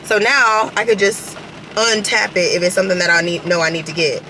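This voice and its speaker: Late-20s woman vlogger, chatty and drowsy, mid-pitched, rain noise in the recording. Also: fairly even intonation, a little fast, sharp tone. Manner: chatty, sleepy, addresses viewers as y'all. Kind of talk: casual vlog chat. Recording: noisy background with rain.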